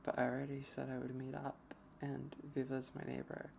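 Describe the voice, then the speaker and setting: Gravelly streamer reading a visual novel aloud. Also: mid-range voice, completely flat delivery, a little mellow, slight background noise. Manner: slow, hesitant first-person reading. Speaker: let's play streamer. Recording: over game music.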